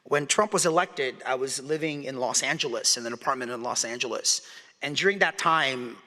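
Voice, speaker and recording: Speaking fairly quickly in a pushed, bright mid-range voice, a guest speaker in his forties, born in the Philippines, delivers a conversational public lecture. He frequently poses questions to the audience, and the large hall adds a long reverb.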